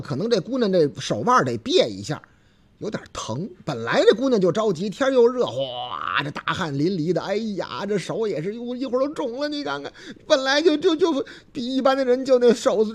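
Lively joking storyteller man. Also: very high-pitched. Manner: chatty, joking, playful asides. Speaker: news commentator. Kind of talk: storytelling news commentary.

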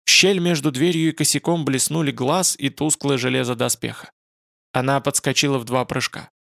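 A man narrating a fantasy audiobook in a measured, dramatic way. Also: medium pitch, fairly even intonation, creaky, a bit bright, no echo, clean studio sound.

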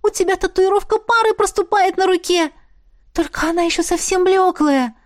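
A woman reader voicing an excited, bubbly young female friend who squeals as she talks. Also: extremely high pitch, moderate pace, voice pushed up. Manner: squealing, gushing.

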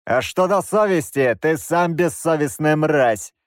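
A man's voice: a little high, animated, a little slow, no room sound, clean studio sound, voice pushed up. A man doing a snarling nonhuman hero. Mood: furious. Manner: shouting, snarling. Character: irritable nonhuman male hero with six arms.

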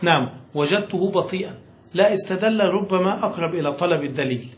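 A man's voice: sits high, expressive, fast talker. A man teaching Arabic grammar from a classic text, reading passages aloud and often asking if he is understood. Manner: checks understanding with frequent questions; reads passages aloud then explains them. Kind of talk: explaining a grammar text to a student. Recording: echoey room with faint noise.

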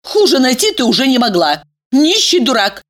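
A woman's voice: sing-song, moderate pace. A woman voicing a bossy, scheming young woman who scolds and shrieks at her friend. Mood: scolding, shrill. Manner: shrill, scolding, sarcastic.

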